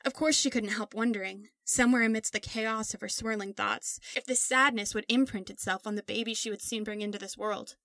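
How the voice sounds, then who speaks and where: A woman narrating a scripted story in a steady, measured reading voice. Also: medium pitch, dry recording.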